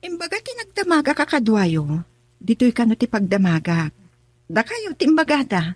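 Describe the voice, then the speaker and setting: Polite flirty Monica. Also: female voice, a little high, big pitch swings, moderate pace, no echo. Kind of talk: Ilocano radio drama acting.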